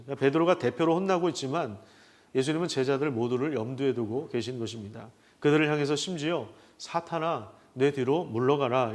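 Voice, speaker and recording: A man preaching a Sunday sermon as pastor, asking the congregation questions and pausing on filler sounds. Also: mid-range voice.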